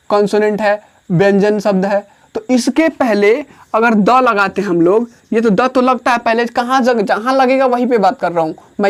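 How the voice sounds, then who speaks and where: Man, Indian accent, teacher, grammar lesson, repeats phrases, slow word-by-word dictation. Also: sits high. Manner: explains slowly, repeats phrases, dictates words one at a time.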